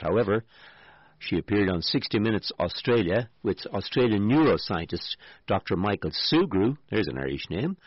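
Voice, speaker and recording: A man's voice: on the low side, slightly rough, dry recording, highs cut off. A man hosting a radio show, reading a news story aloud in casual chat with wry asides. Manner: wry asides, lively intonation. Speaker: radio host.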